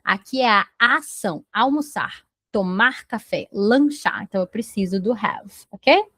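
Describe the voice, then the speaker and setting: A Brazilian woman teaches English, moving between Portuguese explanations and slow, careful English examples. Her voice sits in an ordinary middle pitch. The recording is close and dry. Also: lively intonation, bright, forceful tone, dry recording. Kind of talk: bilingual language lesson.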